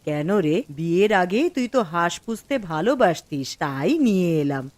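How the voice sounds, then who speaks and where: An affectionate old grandmother in a cartoon, played by a woman, with a lowish voice and homely talk. The sound is dry and close. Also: expressive, moderate pace, darkish tone, dry recording, lightly acted. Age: older. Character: old grandmother, warm and pious. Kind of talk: cartoon voice acting.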